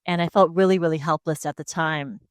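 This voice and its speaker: A woman from Hawaii talks openly through her life story in a relaxed interview on a headset mic. Her voice is smooth and clear and sits a little low. The sound is dry and close. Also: a little fast, no room sound. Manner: open, steady storytelling. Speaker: guest, speech-language pathologist. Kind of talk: casual interview answers.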